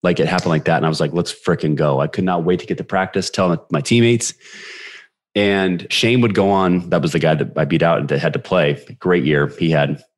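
Very deep-voiced storyteller man in his forties. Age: 40s. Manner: animated, quick storyteller who acts out quoted dialogue. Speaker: podcast guest. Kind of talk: personal storytelling in a podcast interview.

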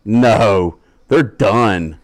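A man's voice: lowish voice, very slow, a crowd in the background. A man with a Southern US accent co-hosting a casual podcast, swearing freely and telling a crude joke with rambling asides. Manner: crude, joking storyteller. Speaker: podcast co-host. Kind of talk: casual chat.

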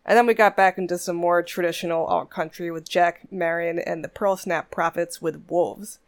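A woman with a somewhat low voice hosts a music podcast in a relaxed, chatty way. She introduces songs with loose asides, small restarts and frequent laughs. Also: normal speed.

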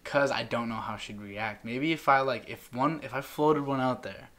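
A man's voice: medium pitch, a bit bright. A young man hosting a podcast, rambling and joking in casual chat. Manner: rambling, joking, quick to laugh. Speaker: podcast host.

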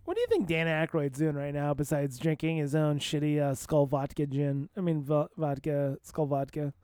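Podcast co-host, casual teasing chat, quick questions, mid-range voice, dry sound. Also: mid-range voice, animated, darkish tone, clean tone, no echo. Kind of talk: casual chat watching a movie.

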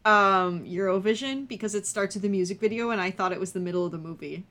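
A woman's voice: medium pitch, quick pace, fairly bright tone. A woman co-hosting a podcast in casual chat, with wry, exaggerated commentary. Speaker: podcast co-host.

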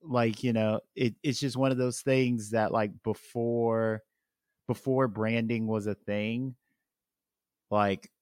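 A man co-hosting a podcast in casual chat, unhurried and rambling with many fillers. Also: medium pitch, fairly even intonation, darkish tone, dry recording, studio quality. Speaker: podcast co-host.

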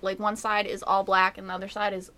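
A woman's voice: medium pitch, completely flat delivery, fast, pushed and bright. A woman in her twenties co-hosting a podcast, chatting loosely and giggling often while eating lunch. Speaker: podcast co-host. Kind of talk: casual chat.

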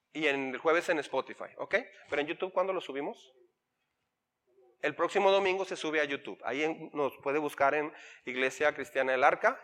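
A man preaching a sermon to his church, animated, asking the congregation questions and acting out parents and kids in quoted voices. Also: fairly high pitch. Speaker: pastor. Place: church hall.

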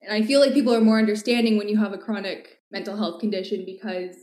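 A woman's voice: mid-range voice, steady tone, fast talker, darkish tone. Candid young woman in an echoey room. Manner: candid, rambling, many fillers. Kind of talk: casual chat.

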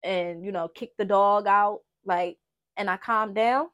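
On her podcast, a woman talks candidly about relationships, handing out blunt, profane advice in a casual yet emphatic way. Her medium-pitched voice is steady, unhurried, and a bit bright, with lo-fi sound.

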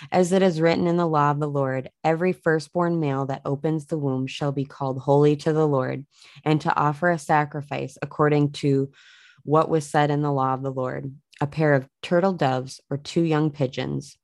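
A woman hosting a show, reading Bible passages aloud and adding earnest, halting reflections with frequent fillers. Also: low-pitched, darkish tone, dry recording. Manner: earnest, halting with fillers when speaking off the cuff. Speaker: podcast host reading scripture.

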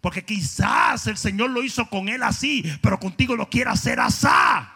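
A male pastor, preaching an emphatic sermon, often shouting and throwing in jokey asides. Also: very high-pitched, normal speed, gravelly, husky, big-room sound.

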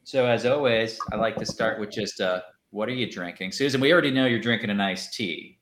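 A man's voice: on the low side, a little fast, a bit bright, slight background noise. A man hosting a casual live chat over drinks, chatty and jokey, often laughing. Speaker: podcast co-host. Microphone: livestream setup.

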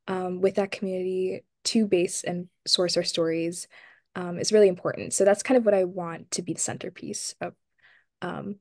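A woman's voice: on the low side, creaky, a little mellow, no room sound, clean studio sound. A young woman who is a student editor-in-chief, giving thoughtful interview answers with some hesitant fillers. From Maryland, USA. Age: young adult.

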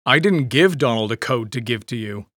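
Secretive bloke, read by a male narrator, defensive, clipped answers, middle pitch, dry close sound. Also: animated, normal speed, fairly bright tone, dry recording. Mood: guarded. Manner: terse, evasive. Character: guarded middle-aged man, secretive and defensive.

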